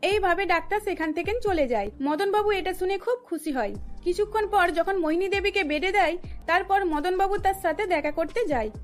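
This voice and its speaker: Narrating a scripted cartoon story, a woman speaks in an extremely high voice at a slightly fast pace. Soft music plays under her telling.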